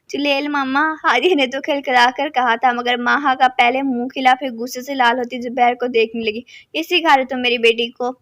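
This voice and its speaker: A woman reads a romance novel aloud in a high, bright voice. Her delivery stays level and even, voicing every character the same way. The recording is dry and close, with no room sound. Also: no room sound. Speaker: novel narrator. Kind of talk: scripted audiobook narration.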